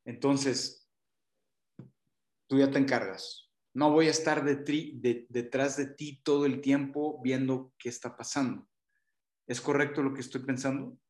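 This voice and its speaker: A man's voice: medium pitch, steady tone, a little slow, darkish tone. A man hosting an interview, asking questions and agreeing briefly. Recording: echoey room sound.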